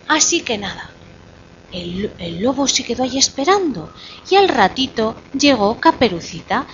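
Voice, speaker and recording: A woman telling a fairy tale to a small child, slowly and playfully, pausing so the child can finish the lines. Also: a little high, highs cut off, slight background noise. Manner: slow and animated, coaxing the child to finish lines. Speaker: storyteller to a child.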